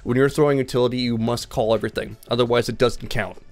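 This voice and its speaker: A man's voice: medium pitch, fairly even intonation, quick pace, faint music behind. A man coaching a player, giving direct instructions and repeating key points. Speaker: gaming coach. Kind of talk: coaching session with game review.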